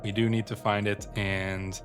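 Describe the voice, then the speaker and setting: This man hosts a gaming video, giving relaxed running commentary on his play and reading in-game text aloud. His voice sits on the low side with a level tone and a measured pace, and music plays in the background.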